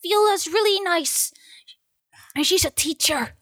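A tiny good-hearted spider in a tabletop fantasy game. The voice is extremely high, small and squeaky, with a prim, scolding earnestness. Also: female voice, a little slow, fairly bright tone. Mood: earnest reproach. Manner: prim, moralizing.

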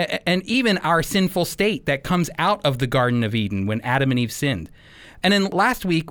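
An American man hosts a radio Bible-teaching program, preaching in an earnest, emphatic, conversational style with rhetorical questions. His voice is fairly high and a bit bright.

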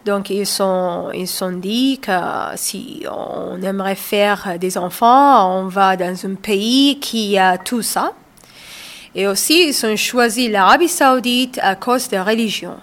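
A woman in her thirties from Somalia, a radio interview guest who speaks French slowly and haltingly, searching for words. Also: medium pitch, a bit bright. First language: not French. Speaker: guest, author.

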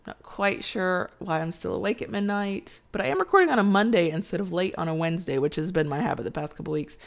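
A woman with children hosts a casual late-night podcast, nasal and congested from a sinus cold, tired yet chatty as she rambles and keeps restarting sentences. Her voice is on the low side and gravelly, with lively intonation and a quick pace.

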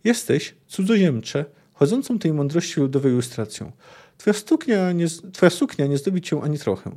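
A stocky doorman turns guests away with cold, pompous courtesy, as a male reader plays him. He speaks a bit higher than the reader's own voice. The tone is dark and mellow. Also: big pitch swings, moderate pace. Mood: cold haughty. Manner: cold, pompous, formal speech.

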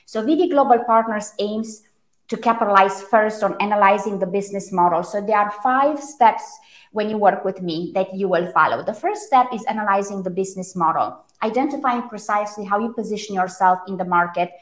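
In an echoey room, a brand strategist from Romania gives emphatic, articulate interview answers about her own work. A native Romanian speaker with a matching accent, she talks a little fast at a medium pitch.

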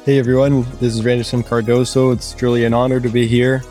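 A man's voice: mid-range voice, little pitch movement, quick pace, a little mellow, faint music behind. A man from Brazil, a cardiology doctor, introducing himself graciously. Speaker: cardiology faculty. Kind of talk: casual self-introduction.

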